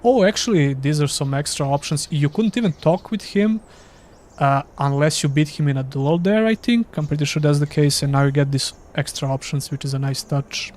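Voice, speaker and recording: His voice fairly high and a little mellow, a man from Serbia streams games live, chatting casually and poking fun at himself in a Serbian accent. He speaks at normal speed, with slight background noise.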